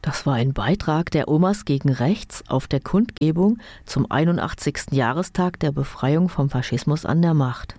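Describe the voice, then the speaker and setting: A man's voice: fairly high pitch, moderate pace, few pauses, mellow, slight background noise. A man presenting a radio news report in a matter-of-fact announcing style. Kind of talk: news narration.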